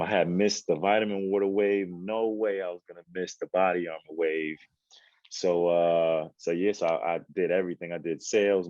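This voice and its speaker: A man with a very low, deep voice talks in a relaxed, streetwise way, as a podcast guest. The sound is dull and muffled, as on a remote call, and completely dry. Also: no echo. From Queens, New York. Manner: laid-back, streetwise slang. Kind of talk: casual conversational interview.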